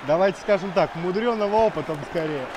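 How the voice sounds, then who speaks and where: A man's voice: high-pitched, quick pace. A man co-commentating a live esports hockey match in a chatty back-and-forth style. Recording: noisy venue with crowd behind the voice. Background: crowd and venue noise.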